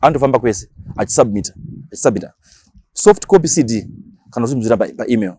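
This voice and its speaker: Here a Zimbabwean man who speaks Shona chats as an interview guest, switching between Shona and English and using lively slang and acted-out examples to explain himself. He talks very fast in a husky, medium-pitched voice, with no echo.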